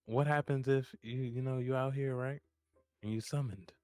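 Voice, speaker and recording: A man's voice: mid-range voice, steady tone, moderate pace, a little mellow, clean tone, no room sound. A man playing a tabletop game, trash-talking in character with swagger. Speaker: player.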